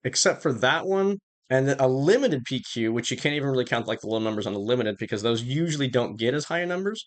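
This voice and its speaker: A man co-hosting a casual game recap show, chatty and self-deprecating, his voice a little gravelly from being under the weather. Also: medium pitch, lively intonation, fast. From Pacific Northwest of the US. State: sick, slightly gravelly voice. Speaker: co-host. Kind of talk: casual chat.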